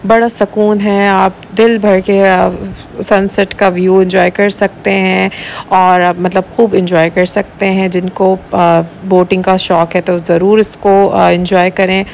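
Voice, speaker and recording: A woman's voice: medium pitch, gravelly. Young woman, travel vlogger, casual voice-over, hesitant fillers, faint background noise. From Pakistan. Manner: chatty, relaxed, with many "uh" pauses. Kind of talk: casual travel vlog narration.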